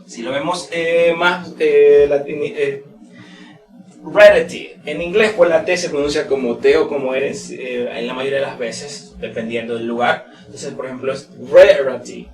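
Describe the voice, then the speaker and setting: A man giving a pronunciation lesson in a casual teaching manner, repeating example words slowly to show stress. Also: mid-range voice, fairly even intonation, echoey room, far from the mic, low-quality recording. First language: Spanish. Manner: slow, drawn-out model words repeated for stress. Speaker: English teacher.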